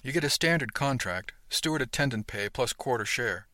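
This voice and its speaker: A man's voice: medium pitch, lively intonation, normal speed, pushed and bright. A man voicing a stern gray-haired woman captain. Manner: barking, clipped orders. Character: gruff older woman ship captain, stern.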